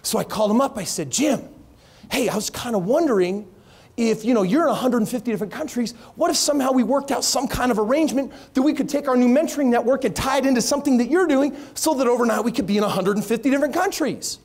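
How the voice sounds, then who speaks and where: A man telling stories in an energetic way as a company founder giving a keynote on a conference stage. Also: very high-pitched, quick pace. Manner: energetic, animated storyteller voicing others' quotes.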